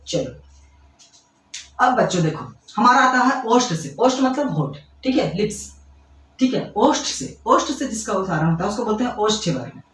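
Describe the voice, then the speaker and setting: A man's voice: high-pitched, fairly bright tone, far from the mic. A man teaching grammar to school students. He keeps checking that they follow along and calls them kids. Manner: explains by repeating, checks in with "ठीक है" and quick questions to students; addresses students fondly as kids. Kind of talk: classroom-style lesson explanation. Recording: echoey room, away from the mic.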